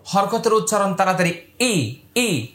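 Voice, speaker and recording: A man teaching Quran reading in Bengali, spelling out letters and vowel marks and drawing words out slowly in recitation. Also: high voice, big pitch swings, a bit bright. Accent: Bangladeshi Bengali. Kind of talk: step-by-step recitation lesson. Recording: echoey room.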